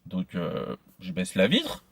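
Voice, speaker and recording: A man's voice: deep voice, huge pitch swings, slow, gravelly, slightly rough, no room sound. A man telling a personal story in casual chat, stumbling and repeating himself often. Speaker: podcast host.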